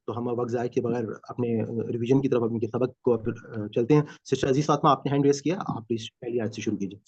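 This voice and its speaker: A man teaching a Quran class over a video call, explaining calmly with frequent pauses and fillers. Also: medium pitch, slightly rough, no room sound. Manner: calm explaining with many fillers. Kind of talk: online class lecture. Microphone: video call mic. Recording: dull lo-fi video call audio.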